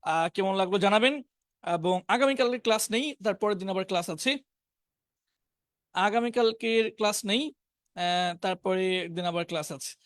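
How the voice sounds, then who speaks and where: A man with a Bengali accent teaches an online spoken English class, slowly reading out English words and example sentences and giving each meaning. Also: high-pitched, a bit bright, no room sound, studio quality. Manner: reads word lists slowly, pairing each English word with its meaning.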